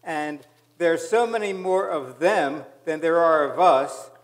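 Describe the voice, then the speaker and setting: A male host questions his guest on stage in a friendly, conversational way. His voice sits notably high for a man. A long hall reverb trails behind him. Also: unhurried. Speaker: event host. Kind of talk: onstage interviewing. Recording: hall reverb from live event.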